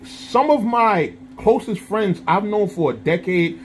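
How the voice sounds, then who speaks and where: A man's voice: high-pitched, expressive, a little slow, slight background noise. A man in his thirties talking casually to his viewers, checking in constantly with "you understand?" and using street slang. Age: 30s. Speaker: vlogger and channel host. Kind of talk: casual straight-to-camera monologue.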